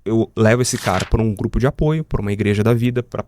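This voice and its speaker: A man's voice: fairly low pitch, quick pace, darkish tone, slight background noise. A man with a Brazilian accent, a guest in a podcast studio, telling a personal story vividly and acting out the dialogue. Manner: vivid, talks to the host as "cara", acts out the dialogue.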